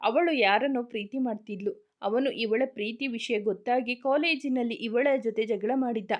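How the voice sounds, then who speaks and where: A woman's voice: a little high, normal speed, close to an everyday voice. A woman voicing a young woman who defensively explains her mistake. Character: young woman, guilty sister explaining herself.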